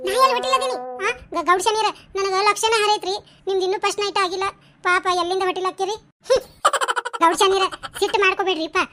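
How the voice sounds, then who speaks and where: A woman voicing bickering village women in a cartoon, talking in quick bantering dialect with a North Karnataka Kannada accent. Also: extremely high pitch, pushed and bright. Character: bickering village women, a landlady and her helpers. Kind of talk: cartoon voice acting.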